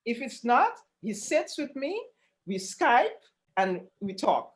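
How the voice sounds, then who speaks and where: Female panelist, highish pitch, halting conversational delivery with emphatic repeats, online call. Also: big pitch swings. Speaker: panelist presenting a rural tourism programme.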